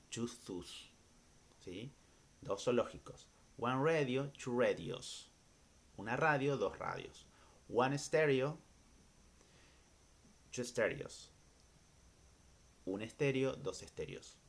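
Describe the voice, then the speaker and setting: A man with an Argentine Spanish accent teaching an English lesson, repeating each word pair slowly, often checking with a quick question and pausing on fillers. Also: lowish voice. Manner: hesitant, many "eh" fillers. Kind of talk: recorded classroom lesson.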